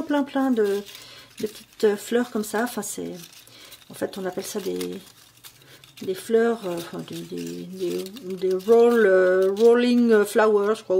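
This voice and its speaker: A woman's voice: mid-range voice, creaky, mellow, a little hiss or hum. A woman chatting casually at home while showing a craft, hesitant and full of fillers and restarts. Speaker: crafting vlogger. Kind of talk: casual vlog chat, crafting tutorial.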